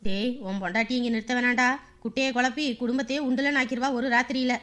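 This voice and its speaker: A woman's voice: on the high side, fairly even intonation, fast, fairly bright tone, natural voice. A woman playing a scheming middle-aged mother in a TV serial, sly and scornful. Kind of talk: TV serial acting.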